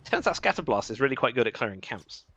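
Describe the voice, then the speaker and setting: A man casting a live esports match, chatty and wry with quick reactions. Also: medium pitch, very animated, pushed and bright, dry recording. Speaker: esports caster. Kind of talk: live game commentary.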